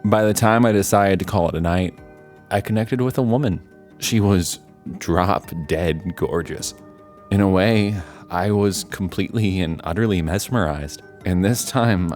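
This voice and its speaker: A man's voice: sits low, normal speed, darkish tone, faint music behind. A man narrating a horror story in a wry, self-deprecating storytelling manner.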